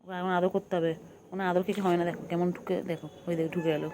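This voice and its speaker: A woman's voice: lowish voice, level tone, rapid-fire, background noise. A woman, cooing at her pet cat in baby talk and scolding it playfully, repeating words again and again. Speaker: pet vlogger.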